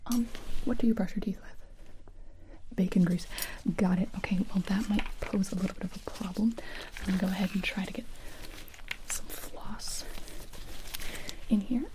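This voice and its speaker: The recording is low quality and features a young woman whispering near the mic as various doctors in a comedic ASMR roleplay, sometimes switching abruptly to full voice. Her medium-pitched voice holds a steady tone at normal speed, with long pauses.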